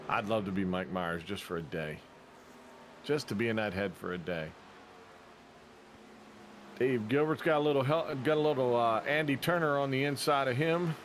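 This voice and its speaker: A man calling a race in casual play-by-play. He is chatty and jokey, with quick bursts of excitement. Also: medium pitch, slight background noise. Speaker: race commentator.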